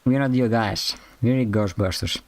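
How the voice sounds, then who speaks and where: A man's voice: mid-range voice, measured pace. Jokey man narrating a game. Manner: jokey, sarcastic asides. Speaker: game streamer. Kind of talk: let's-play narration and commentary.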